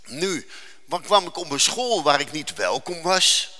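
Man, testimony speaker, earnest and dramatic, slowing for weight, bright voice. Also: fairly high pitch, sing-song, in a large hall. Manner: earnest, dramatic storytelling with slowed emphasis. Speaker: speaker giving a faith testimony. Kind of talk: personal testimony.

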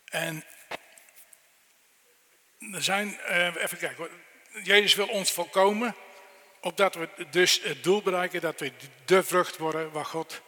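A man's voice: fairly high pitch, fairly even intonation, unhurried, long pauses, sharp tone. A middle-aged man preaching a sermon, asking the listeners earnest, direct questions. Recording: long reverb in a church hall.

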